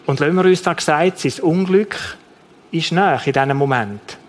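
Male preacher with a Swiss German accent, somewhat high-pitched, delivering an earnest sermon and repeating his key phrases. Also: moderate pace.

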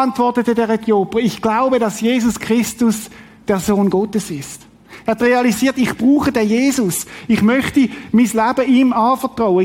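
A man's voice: sits high, a little mellow. A man preaching a sermon, reading scripture and speaking directly and earnestly to the congregation. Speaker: pastor.

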